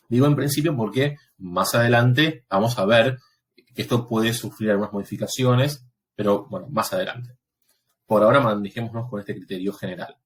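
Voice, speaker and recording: A man teaching a Latin class, explaining step by step and often pausing to check that students follow. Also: mid-range voice. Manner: patient, explanatory, checks understanding with frequent "¿sí?". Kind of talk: recorded class lecture.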